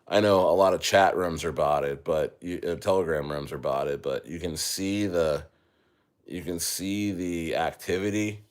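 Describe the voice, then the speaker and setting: Male livestream host, slightly low voice, loose rambling chat, lots of "you know what I mean". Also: a little slow. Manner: rambling, full of fillers, talks to viewers.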